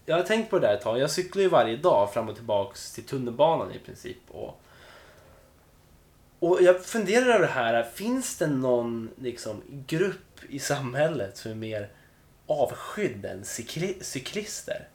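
A man in casual chat, telling a story with animated, joking energy. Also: medium pitch.

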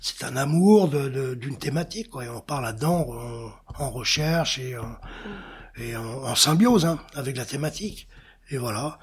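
A middle-aged engraver and painter from Senegal, who grew up in Africa, responds to an interviewer in a medium-pitched, slightly rough voice at normal speed. He often hunts for the right word and circles back on phrases.

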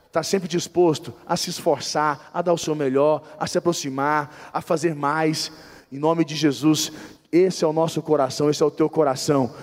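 A man's voice: fairly high pitch, long reverb tail. A man preaching a sermon as a bishop, emphatic and repeating phrases for stress.

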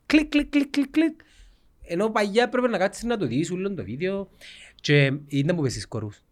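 A man with a Cypriot Greek accent co-hosting a casual podcast chat, animated and teasing, laughing often. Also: high-pitched. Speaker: podcast co-host.

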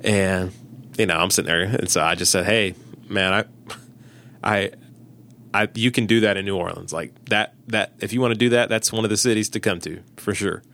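A man's voice: lowish voice, normal speed. A man, a pastor, talking casually on a podcast and animatedly telling stories, acting out the people he quotes. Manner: animated storytelling, acts out quoted dialogue.

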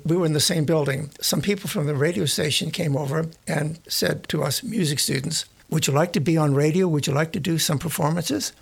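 An older man recounting his working life in an interview, with a gravelly, slightly husky voice pitched a touch high for a man. He tells his story casually, often restarting a phrase mid-thought. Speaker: interviewee, retired broadcast engineer. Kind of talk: casual reminiscing.

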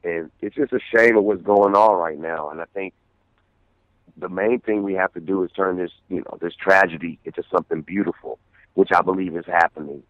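A low-voiced guest artist from San Francisco, USA, phones in to a radio interview, talking earnestly and circling back over his words while he thinks. The audio is thin and tinny like a phone line, very dry, with no room sound.

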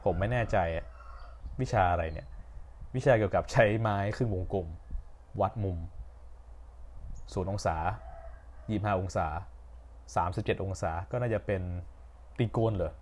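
A man's voice: on the low side, normal speed, pauses often, darkish tone. A young man hosting a podcast, telling a personal story in a casual, rambling way with fillers and self-corrections. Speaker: podcast host.

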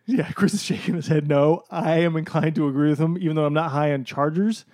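A man's voice: a little high, a little fast, darkish tone, no room sound, clean studio sound. A man co-hosting a casual sports betting chat, joking, laughing often and restarting his sentences. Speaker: podcast co-host.

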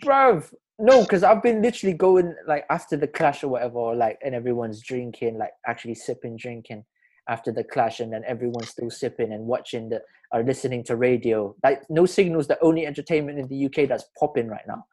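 A man's voice: mid-range voice, fairly quick, a little mellow. Young guy w london roadman accent, casual chat, loads of slang like bruv and fam. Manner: slangy, peppers talk with bruv, fam and blood. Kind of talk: casual banter.

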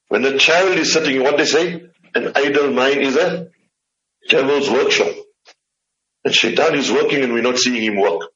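This man, an Islamic scholar, lectures on religion over slides, stressing his points and coming back to key phrases. He has a mid-range, slightly bright voice, and the lo-fi recording sounds dull and roomy.

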